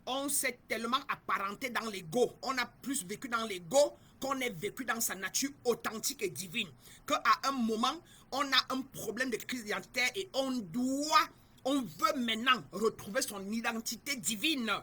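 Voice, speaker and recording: Husky-voiced woman preaching with emphatic repetition. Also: fairly high pitch, moderate pace, bright, forceful tone. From Cameroon. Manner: emphatic, repetitive, addresses listeners directly. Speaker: spiritual guide. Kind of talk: spiritual teaching talk.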